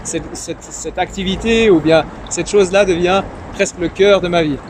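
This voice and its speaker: A timid young man from Iran, a Farsi native speaker and young politician, is the guest in a casual interview, tripping over fillers and repeated words. His voice is a little high and his pace moderate. Heavy city traffic and street noise fill the background.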